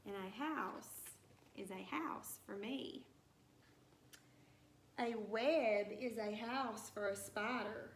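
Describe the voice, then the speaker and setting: A first-grade teacher reads a rhyming picture book aloud to young children in a slow, higher voice. Her phrasing is deliberate and singsong, with playful asides. The room echoes and there is some background noise.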